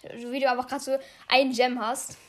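A woman hosting a casual gaming podcast, chatty and excitable. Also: sits high, normal speed. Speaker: podcast host. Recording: music playing behind.

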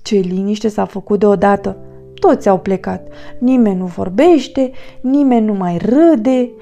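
A woman narrating a children's storybook in an expressive, lively way. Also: mid-range voice, vocal fry, highs cut off. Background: soft music.

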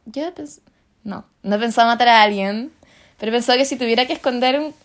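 A woman's voice: on the high side, fast talker. Giggly young Chilean woman chatting. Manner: chatty, giggly, slangy storytelling. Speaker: podcast co-host. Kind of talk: casual chat, word-guessing game.

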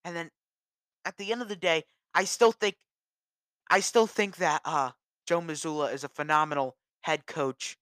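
Agitated woman ranting, bright voice. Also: low voice, fairly even intonation, normal speed, dry recording, studio quality. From New England. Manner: agitated, repetitive, exasperated. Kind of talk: ranting sports vlog.

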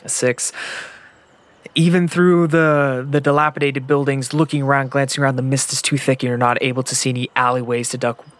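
A man's voice: medium pitch, level tone, fairly quick, a bit bright. A man running a tabletop role-playing game as game master, narrating in second person and building suspense with repeated words. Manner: descriptive, builds suspense with repetition.

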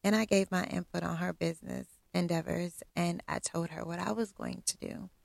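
A middle-aged woman with a low, strongly gravelly voice full of fry tells a personal story straight to camera. She talks bluntly and with self-assurance, often stopping on a filler "um". The sound is close and dry. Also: fairly even intonation, normal speed, dry recording. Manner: blunt, candid, self-assured straight talk with frequent ums.

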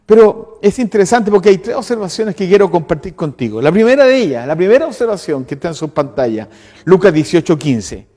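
A man's voice: sits high, big pitch swings, fairly quick, dark tone, in a large hall. A Chilean man in his sixties preaching a sermon as pastor, emphatic and full of repeated lists. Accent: Chilean Spanish. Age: 60s.

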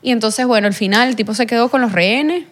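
A woman's voice: fairly high pitch, fast. A young adult woman with a Venezuelan accent, telling a personal story in an interview. She rambles, uses many fillers and acts out what people said. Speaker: guest.

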